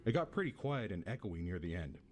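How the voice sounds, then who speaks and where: A man's voice: deep voice, sing-song, brisk, a little hiss or hum. A man with an American accent playing a laid-back, foul-mouthed tenant who rambles through an eerie story in casual audio-drama style. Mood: intrigued.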